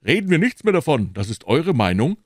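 A man reading aloud and voicing a boastful, self-satisfied male musketeer, loud and smug. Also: on the high side, sing-song, a little fast, dry recording, clean studio sound, pitched above the performer's own voice.

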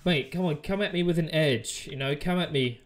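Man, streamer, live gameplay commentary, excitable, swears, a bit high-pitched. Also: brisk. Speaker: game streamer.

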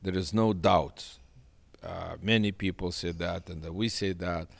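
This boxing manager, a native Russian speaker with a deep, gravelly voice, keeps his intonation fairly even and his pace measured. He's earnest and emphatic, repeating phrases, in a sit-down interview on an indoor sofa set using a handheld mic.

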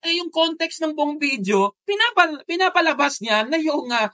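A woman hosts a live stream over a video call. Her voice is quite bright and a bit high, and the sound is dry and close. She talks in an animated way, full of exclamations and rhetorical questions. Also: moderate pace, no echo. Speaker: host of a religious apologetics stream. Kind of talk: casual live commentary on a video.

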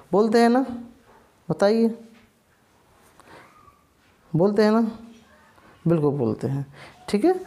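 A male online teacher walks through a list of bird names in a relaxed, mellow voice. He repeats each word several times and poses questions to his viewers before answering them himself. His talk is sprinkled with English words. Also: sits high. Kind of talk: explaining bird names in a recorded lesson.

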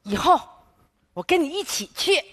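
A woman's voice: extremely high pitch, sing-song, normal speed, long reverb tail. A woman acting in a stage comedy sketch, blunt and suspicious. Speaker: comic actor in a sketch. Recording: stage mics, loud audience noise.

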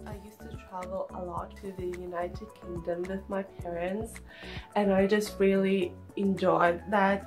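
A woman's voice: mid-range voice, a little mellow, poor audio. Young Lithuanian woman chatting to camera. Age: young adult. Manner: friendly, chatty, many fillers and repeated "really". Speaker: international student. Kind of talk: casual talk to camera. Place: small indoor room, seated on a sofa. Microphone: camera at close framing.

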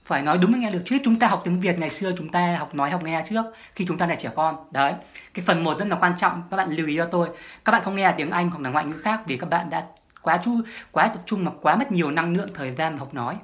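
A woman's voice: lowish voice, quick pace. A woman, a language-learning vlogger giving a solo advice monologue, emphatic and repeating her key points.

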